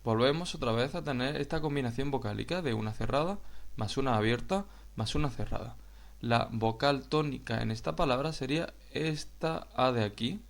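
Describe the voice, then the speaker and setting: A man with a Spain Spanish accent, teaching a grammar lesson in a slow, explanatory way and addressing viewers directly. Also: mid-range voice, vocal fry. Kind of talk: video lesson narration.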